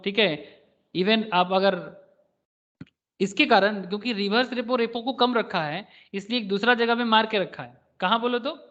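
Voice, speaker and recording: High-voiced man teaching a lo-fi class. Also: a bit bright. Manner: rambling, addresses students as sir, asks rhetorical questions. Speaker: stock market teacher. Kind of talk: online class lecture. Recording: dull lo-fi audio.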